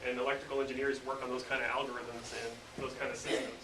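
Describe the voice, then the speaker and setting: At a quick pace and medium pitch, a man explains his engineering work to students in a classroom. He stays relaxed and casual, using lots of filler words like "you know," and the sound comes through a roomy, distant mic with noise.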